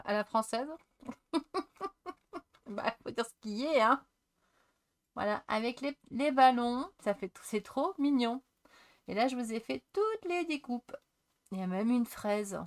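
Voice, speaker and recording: A middle-aged woman chatting casually as she shows her crafts, thinking aloud and mocking herself. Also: a little high. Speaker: crafting video host.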